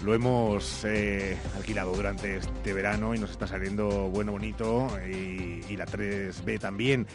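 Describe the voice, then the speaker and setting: A man's voice: on the low side, steady tone, measured pace, hardly any pauses, over music. Playful Castilian male radio host. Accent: Castilian Spanish. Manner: playful, teasing, theatrical. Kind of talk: live magazine show presenting and banter.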